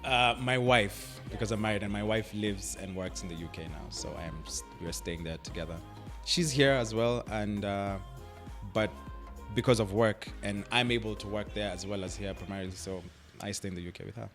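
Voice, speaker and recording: A young Kenyan actor, appearing as a guest on a radio interview, chats easily in a lowish, brisk voice with music underneath. He's relaxed, laughs a lot, and leans heavily on "like" and "I mean."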